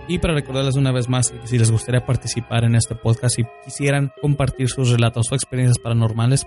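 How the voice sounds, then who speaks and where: A man's voice: mid-range voice, warm tone. A man hosting a podcast of paranormal stories, speaking plainly with slight restarts. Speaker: podcast host. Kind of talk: podcast outro.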